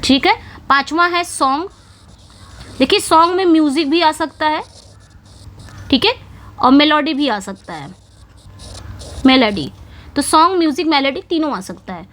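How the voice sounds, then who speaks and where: A woman with a high, animated, slightly bright voice teaches an English exam-prep lesson at a measured pace, pausing often. She explains step by step and checks in with her students using "ठीक है" and "समझ में आ गया".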